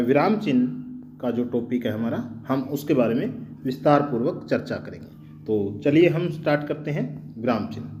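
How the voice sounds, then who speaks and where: A male teacher hosting his own channel, explaining grammar slowly and patiently and repeating example phrases with changing stress. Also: a little high, darkish tone, a little hiss or hum. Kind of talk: explanatory Hindi grammar lesson.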